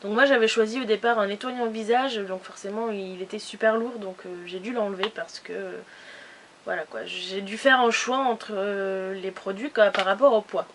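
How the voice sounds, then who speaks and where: A woman's voice: mid-range voice, steady tone, moderate pace, noisy background. A woman chatting casually in a haul video, rambling with many fillers and restarts. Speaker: beauty vlogger.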